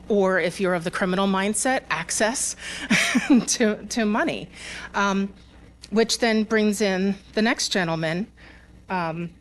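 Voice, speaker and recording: A woman speaking at a security conference, conversational with fillers and restarts, laughing between points and talking with her live audience. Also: mid-range voice. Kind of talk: conference talk.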